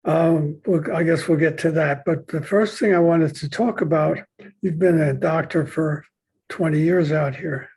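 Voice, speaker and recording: A man's voice: a little high, steady tone, measured pace, a little mellow, husky, rough recording. A man hosting a podcast interview, asking chatty questions with some hesitation. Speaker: podcast host. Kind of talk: conversational interview.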